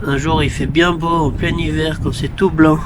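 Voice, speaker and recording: A man's voice: a little high, fairly even intonation, normal speed. A man talking casually on a travel vlog, recorded outdoors. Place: outdoors on a mountain hike. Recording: windy outdoor recording, loud background noise.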